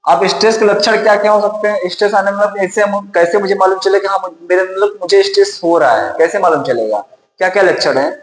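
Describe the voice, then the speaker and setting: A man's voice: high voice, fast. Echoey male teacher lecturing. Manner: repeats key points, asks and answers his own questions. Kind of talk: classroom-style lecture. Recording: roomy echo with long reverb.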